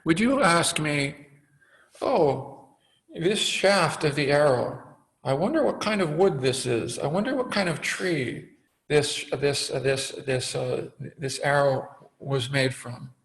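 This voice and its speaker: A man voicing a calm, patient male sage who teaches by asking questions. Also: fairly high pitch, slow pace, full character voice, low-quality recording.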